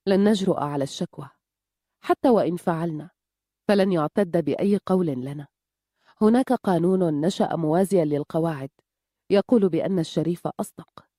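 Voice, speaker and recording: A grave, weary woman leader of outcasts, voiced low and dark by a woman narrator. She speaks in a somber, serious way, recorded close and dry. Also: fairly quick, no room sound, lightly acted. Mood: despairing.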